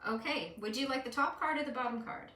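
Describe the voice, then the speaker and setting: Woman, fairly high pitch, bright tone, casual card-reading host, instructive, echoey room, distant mic. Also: quick pace.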